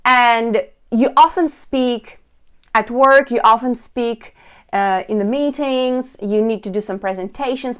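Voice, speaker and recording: A woman giving an instructional talk as a public speaking coach, deliberate and encouraging, addressing the listener directly. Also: fairly high pitch.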